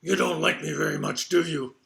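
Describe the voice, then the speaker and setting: A man voicing a gruff, teasing woman resident of a care home, with an almost slurred voice. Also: low voice, fairly even intonation, a little fast. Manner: playful, churlish teasing.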